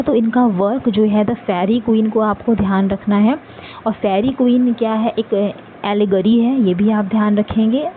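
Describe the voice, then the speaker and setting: Fast-talking Indian woman teacher, tinny audio. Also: fairly high pitch. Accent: Indian English. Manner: fast-talking, repeats each point, checks understanding. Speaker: English literature teacher. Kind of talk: exam-prep lecture in Hinglish. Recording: tinny phone-like audio with clear background noise.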